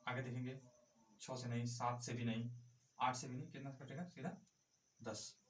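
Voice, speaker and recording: A man's voice: medium pitch, little pitch movement, normal speed, reverberant, slight background noise. A male math teacher explaining a lesson step by step, asking and answering his own questions as he goes.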